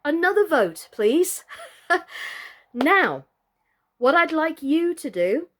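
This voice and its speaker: A woman with a high-pitched voice reads slowly and expressively for children. She is a children's story reader and online storytime presenter, doing storybook narration and friendly presenting for young listeners.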